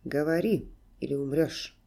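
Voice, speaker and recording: A woman's voice: a little high, expressive, normal speed, darkish tone, lightly acted. A woman reading an audiobook, voicing a stern, threatening man who speaks curtly. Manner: curt, threatening. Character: stern menacing adult man.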